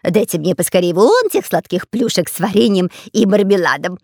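A woman's voice: medium pitch, expressive, a little mellow, no room sound, studio quality. A woman voicing a greedy male robber who whines and drags his words. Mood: whiny. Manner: whining, slow and drawn-out.

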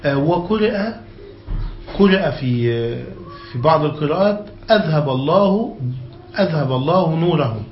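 A man's voice: fairly high pitch, lively intonation, moderate pace, pauses often. A man teaching an Arabic grammar lesson, reading passages aloud and explaining them, often checking that his students follow. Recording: echoey, dull lo-fi room recording with faint hiss.

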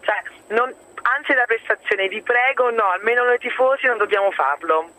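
A woman's voice: a little high, normal speed, bright, forceful tone, low-quality recording. A woman chatting casually as a football fan guest on a radio show. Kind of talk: casual conversational sports chat.

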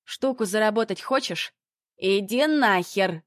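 A woman voicing a heavyset teenage girl who is rude and gruff, with a low, husky voice. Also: measured pace, dry recording, studio quality, natural voice. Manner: blunt, coarse.

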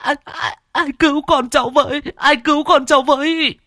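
A man voicing a grieving young village mother in an audio story, crying out in high, strained wails. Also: fairly even intonation, normal speed, sharp tone, no echo, studio quality. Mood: wailing grief. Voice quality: high strained wailing cries.

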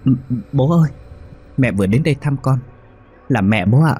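A man with a husky voice voicing an anxious, grieving young woman who pleads through tears. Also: medium pitch, animated, normal speed, dark tone, soft background music, pitched above the performer's own voice. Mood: tearful. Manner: pleading, tearful.

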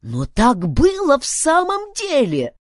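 A boastful, eager robot storyteller in an audiobook, given voice by a woman reader. His lines swing widely up and down in pitch, recorded dry and close. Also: wildly swooping pitch, slow, breathy edge, dry recording, heavily acted. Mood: insistent. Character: talkative old storytelling robot, male.

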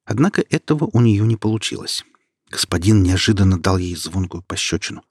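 A man with a low, husky voice reads an audiobook, narrating at a steady, even storytelling pace that feels brisk. The recording is close and dry, with no room sound.

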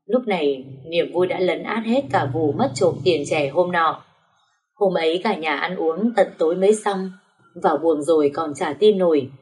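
A woman's voice: fairly low pitch, dark tone. A woman narrating a first-person story.

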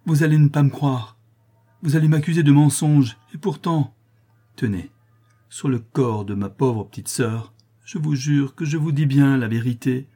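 A man's voice: medium pitch, measured pace, warm tone, breathy edge. A man reading a frightened young servant girl. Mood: pleading. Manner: pleading, anxious storytelling.

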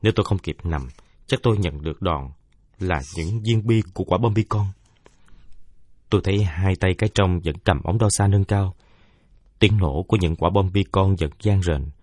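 A man narrating a first-person war story in a somber, measured audiobook reading. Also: low-pitched, a little mellow, dry recording, studio quality.

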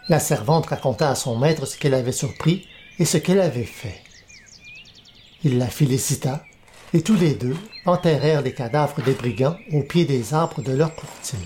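A man calmly reading a folk tale aloud as a storybook narrator. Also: medium pitch, moderate pace, a little hiss or hum. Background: soft music.

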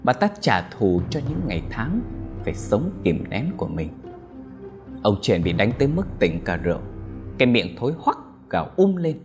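A man narrating a dark village story in an expressive, dramatic way. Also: medium pitch, moderate pace, over music.

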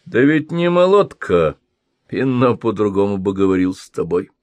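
A man's voice: lowish voice, sing-song, moderate pace, darkish tone, no echo. A man voicing a stern old male sage who scolds and grumbles, in an audiobook reading. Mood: scolding.

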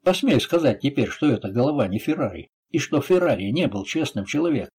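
A man reading an audiobook voices a bold, fierce captain who talks forcefully and threateningly. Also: medium pitch, sing-song, brisk, husky.

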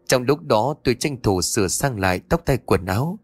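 A man reading a story aloud as an audiobook narrator, in a steady, even manner. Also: mid-range voice, normal speed, husky, dry recording.

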